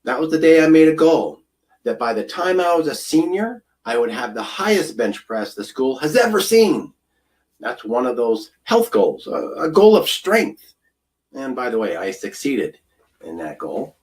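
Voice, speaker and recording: A man's voice: medium pitch, sing-song, unhurried, a little mellow, recorded from a distance. A man, a food scientist, giving a live online presentation in an earnest, storytelling way with frequent ums and uhs.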